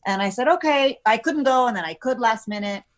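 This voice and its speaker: A woman's voice: fairly high pitch, fairly quick. Woman guest, casual talk, story told with bouncing quoted voices. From United States. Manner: animated storytelling with acted-out quotes. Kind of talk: casual chat.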